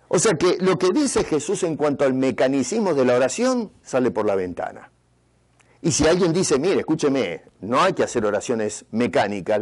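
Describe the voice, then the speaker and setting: Male pastor at a church retreat, emphatic preaching, animated pitch, mid-height voice. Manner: emphatic, sarcastic preaching with sudden drops in pitch. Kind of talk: sermon.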